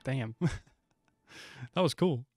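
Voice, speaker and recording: A man in his twenties hosts a reaction video, giving casual commentary into a close desk microphone over game trailer music. His medium-pitched voice is expressive and dark-toned, and he takes it slowly.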